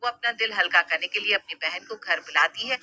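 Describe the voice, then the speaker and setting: Brief: woman narrator, bright and crisp, steady storytelling, dry booth sound. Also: mid-range voice, brisk, dry recording.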